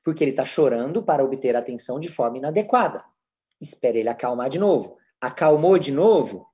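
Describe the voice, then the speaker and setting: A Brazilian-accented man delivers a lecture with a lively, swinging pitch. He teaches in clear steps and often poses a question before answering it himself, in the manner of a psychologist walking an audience through practical cases. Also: a little fast. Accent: Brazilian Portuguese. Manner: didactic, asks and answers own rhetorical questions.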